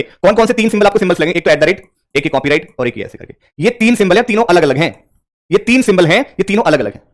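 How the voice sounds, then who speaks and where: Man, online tutor, fast delivery, addresses students directly. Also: sits high. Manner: brisk, talks straight to students, mixes English terms into his teaching. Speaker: reasoning teacher for bank exams. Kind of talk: live online class.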